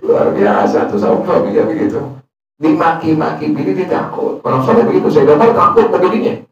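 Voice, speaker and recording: A man preaches a lesson, slipping between casual jokes and slow Arabic recitation. His voice sits a bit high. He sounds far from the mic, with heavy echo filling the prayer hall. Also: lively intonation, gravelly, lo-fi sound. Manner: humorous, colloquial storytelling with Arabic recitation. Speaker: religious teacher. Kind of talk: sermon.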